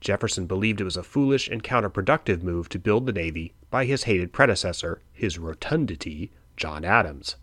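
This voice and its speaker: Male history narrator, lowish voice, dry close sound, chatty and wry. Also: lively intonation, a little fast, few pauses, fairly bright tone, dry recording. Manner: conversational, wry asides. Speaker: history podcast host. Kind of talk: casual scripted history narration.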